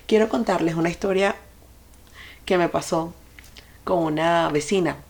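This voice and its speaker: A woman's voice: lowish voice, a little slow, gravelly, slight background noise. A woman with a Venezuelan accent hosting a solo podcast, telling stories and speaking straight to her listeners with advice. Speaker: podcast host. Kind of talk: reflective solo podcast monologue.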